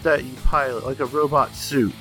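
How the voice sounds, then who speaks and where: A man's voice: medium pitch, moderate pace, a bit bright, faint music behind. A man co-hosting a podcast in casual chat, talking hesitantly with lots of "like" and "um". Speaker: podcast co-host.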